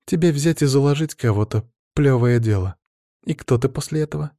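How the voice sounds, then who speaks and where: A male reader voicing a sharp-tongued, fiery young woman in an audiobook, speaking sarcastically and scolding. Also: medium pitch, brisk, dry recording, clean studio sound, pitched above the performer's own voice, lightly acted. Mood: sarcastic.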